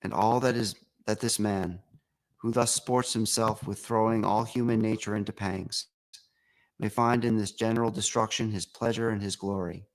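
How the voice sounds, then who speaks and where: Low-voiced man reading formally. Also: fairly even intonation, normal speed. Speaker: reader. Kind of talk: reading aloud an old essay.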